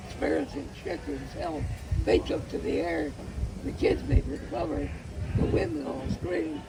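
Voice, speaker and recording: A man with a folksy cowboy drawl, reciting rhyming cowboy poetry like a storyteller in a gravelly voice. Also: extremely high pitch, low-quality recording.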